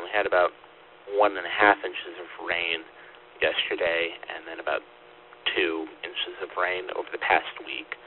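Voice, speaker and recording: Man over static-filled radio, low voice. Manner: procedural, repeating call signs and details back. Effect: two-way radio transmission. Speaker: amateur radio net controller. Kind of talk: formal scripted radio check-in procedure. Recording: phone-like radio static and hum. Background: radio static and hum.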